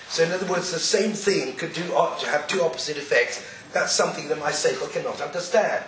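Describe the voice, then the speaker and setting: A man with a croaky voice giving an explanatory Torah lecture, deliberate and sprinkled with Hebrew quotations. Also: fairly high pitch, fairly bright tone. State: croaky, getting over an illness. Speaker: religious lecturer. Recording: roomy, distant, noisy recording with clicks.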